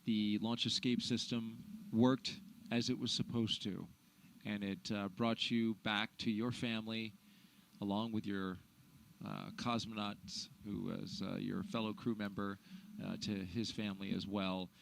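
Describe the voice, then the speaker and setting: A man's voice: fairly low pitch, flat delivery, a little slow, creaky. A man hosting live space launch commentary and interviewing a guest. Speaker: broadcast host and commentator. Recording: faint background noise.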